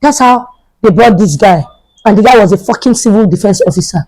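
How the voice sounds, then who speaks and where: A young woman telling a storytime vlog in an animated, dramatic way, her pitch jumping suddenly. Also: brisk, poor audio. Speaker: vlogger.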